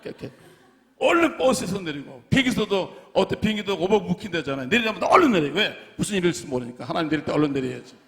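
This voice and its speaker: A man preaching a sermon in a church, telling stories in an animated way with dramatic swings in loudness. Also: high-pitched, quick pace. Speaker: pastor. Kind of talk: storytelling sermon.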